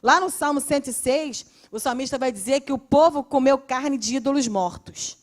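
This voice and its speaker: High-voiced, animated Brazilian woman teacher. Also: normal speed. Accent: Brazilian Portuguese. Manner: lively and expressive, acts out quotes, laughs often. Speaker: Bible school teacher. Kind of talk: animated Bible class lesson.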